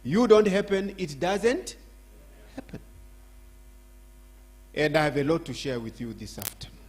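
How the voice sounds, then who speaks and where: A man's voice: a little high, very animated, measured pace, slightly rough. An older man from Zambia giving an emphatic church address as guest speaker, repeating his phrases with rising force.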